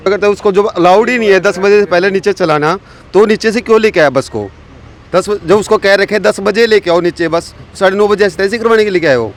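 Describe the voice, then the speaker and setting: A man's high, heated voice rings out outdoors as he angrily demands action. Vehicles pass faintly behind him. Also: a little fast. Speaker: friend of the victim. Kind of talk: street interview.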